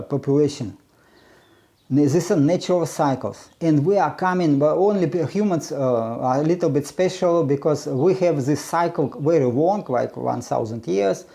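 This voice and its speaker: Halting, gravelly-voiced man. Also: a little high, dark tone. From Ukraine. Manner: halting, with many restarts and filler sounds, blunt and opinionated. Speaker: presenter of a self-run research project. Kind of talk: casual unscripted monologue.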